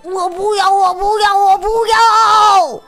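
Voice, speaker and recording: A woman's voice: high voice, animated, slow, fairly bright tone, soft background music, full character voice. A woman voicing a greedy, whiny young male wolf cub in a children's storybook, drawing out his calls and bursting into tantrums. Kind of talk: storybook read-aloud.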